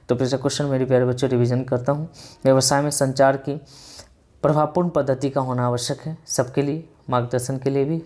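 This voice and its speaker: A man's voice: medium pitch, a little mellow. A male teacher going through exam questions with students, repeating each answer and often checking in with them. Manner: repetitive, keeps saying "ठीक है" and addressing students affectionately. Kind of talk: exam revision lesson.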